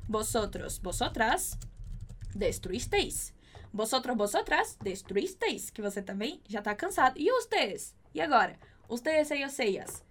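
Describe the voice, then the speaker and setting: A woman's voice: on the high side, a bit bright. A Brazilian woman giving a chatty online Spanish lesson, asking learners questions and drilling verb forms. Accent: Brazilian Portuguese. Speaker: Spanish teacher.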